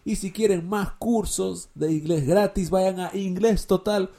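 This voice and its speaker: A man, teaching English on a podcast and slowly repeating each phrase. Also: high-pitched, fairly even intonation, creaky, warm tone. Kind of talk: podcast English lesson in Spanish.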